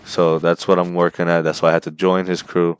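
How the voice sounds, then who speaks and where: A man co-hosting a podcast, casually retelling story scenes in an animated way. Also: sits low, fairly quick, smooth. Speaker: podcast co-host. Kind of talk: casual chat.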